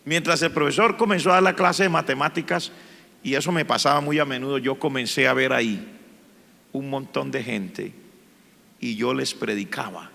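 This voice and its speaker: Male pastor, gravelly, bright edge, emotional testimony, church hall reverb. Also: medium pitch, moderate pace. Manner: emotional storytelling with sudden loud swells. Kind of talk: sermon testimony.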